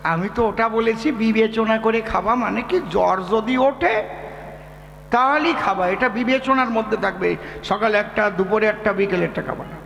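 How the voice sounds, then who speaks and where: A man's voice: high-pitched, vocal fry, a bit bright. A man playing a fussy, coaxing village doctor. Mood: explaining. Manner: slow, coaxing instructions with checks for understanding. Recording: echoey hall with faint music.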